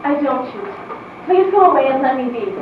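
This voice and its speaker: Woman acting a very high-voiced, prim young lady. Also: sing-song, a little fast. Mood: cool, dismissive. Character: modest young woman, proper, earnest, quietly defiant. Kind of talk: stage-style period drama acting. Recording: echoey distant muffled recording, faint noise.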